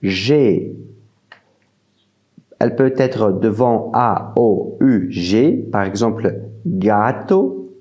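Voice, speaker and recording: Slow, mellow-voiced man teaching pronunciation. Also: fairly low pitch, animated, lo-fi sound. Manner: slow and deliberate, repeats each example word. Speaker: language teacher. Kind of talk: slow spoken language lesson.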